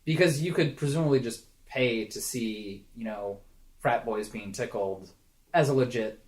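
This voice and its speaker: A man's voice: medium pitch, normal speed. A young man co-hosting a casual movie podcast, chatty and thinking aloud. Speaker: podcast co-host.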